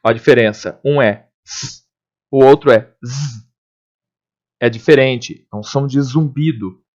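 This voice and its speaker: A man's voice: medium pitch, normal speed. A man teaching a recorded lesson, explaining step by step and often checking in with his listeners. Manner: lively, explanatory, frequent check-ins with listeners. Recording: dull lo-fi recording.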